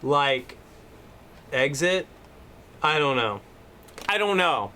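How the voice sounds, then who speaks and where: A man's voice: fairly high pitch, big pitch swings, slow pace, sharp tone, slight background noise. A man co-hosting a casual podcast, ranting with lots of swearing and demonstrating what he means as he talks. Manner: profane, rambling, demonstrative. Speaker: podcast co-host. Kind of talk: casual chat. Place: room at home. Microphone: desk microphone.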